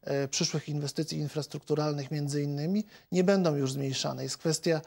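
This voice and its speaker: A man in his forties, a member of parliament, answering questions in a TV studio interview in a measured, hesitant way with many filler sounds. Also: on the high side, fairly even intonation, gravelly, a little mellow. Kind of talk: televised political interview. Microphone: lapel mic.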